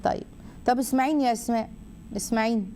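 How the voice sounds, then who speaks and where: An Egyptian woman hosting a call-in religious advice show, counseling a caller in a rapid, affectionate way and acting out little dialogues as she goes. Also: a little high, dark tone, a little hiss or hum. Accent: Egyptian Arabic.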